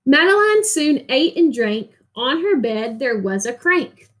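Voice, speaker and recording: Sounding like a teacher at story time, a woman expressively reads from a picture book, stopping to explain things and leaving gaps for the children to respond. Her voice sits high and has a sing-song quality.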